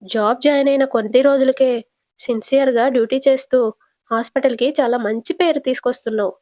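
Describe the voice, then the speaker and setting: Brisk boss-doctor, questioning tone, fairly high voice, as a woman storyteller plays her; retold serial. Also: fairly even intonation, mellow, no echo, lightly acted. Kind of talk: casual retelling of a TV serial.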